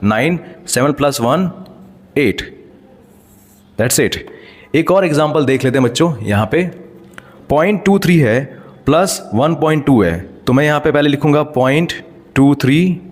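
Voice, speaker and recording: A man's voice: a little high, unhurried, pauses often. A man explaining decimals step by step as a teacher, patient and checking in frequent rhetorical questions. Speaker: math teacher. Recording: long hall reverb.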